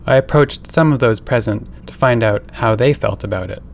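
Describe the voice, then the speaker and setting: A man reporting and narrating a scripted news feature in a measured, even reading. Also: mid-range voice, vocal fry, slight background noise. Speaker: radio reporter.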